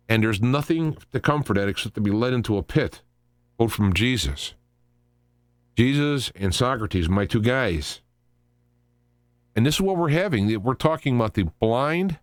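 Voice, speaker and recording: In a dry recording, a live talk radio host with a mid-range voice gives rambling, unscripted commentary marked by stops, starts and digressions.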